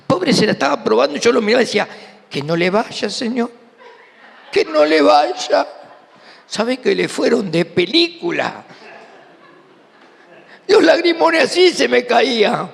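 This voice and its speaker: A middle-aged Argentine man preaches a testimony-driven sermon, voicing the people in his stories. His voice sits high and is heavily gravelly with fry. It rings out with a long hall reverb from the church. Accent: Argentine Rioplatense Spanish. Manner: animated storyteller, acting out dialogue.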